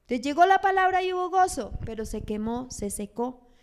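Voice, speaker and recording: A woman pastor delivers a sermon with a high voice. Her preaching is animated and expressive. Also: moderate pace. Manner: animated, acts out churchgoers' lines in quoted voices.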